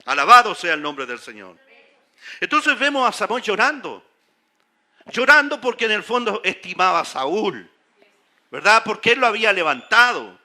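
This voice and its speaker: Pastor guy preaching in church, high voice, really bright and sharp, keeps firing questions at the crowd. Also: very animated, normal speed. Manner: emphatic preaching with rhetorical questions to the congregation. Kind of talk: sermon. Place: church sanctuary.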